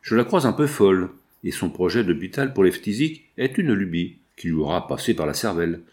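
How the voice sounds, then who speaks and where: A man's voice: low-pitched, very animated, brisk, a little mellow, voice pushed down. A man reading the part of a shrewd, scheming male financier in an audiobook, speaking in a persuasive, self-assured way.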